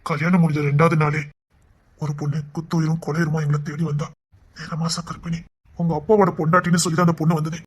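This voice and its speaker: A man telling a dramatic serial story aloud, voicing every character himself and rising into emotional high lines. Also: slightly rough.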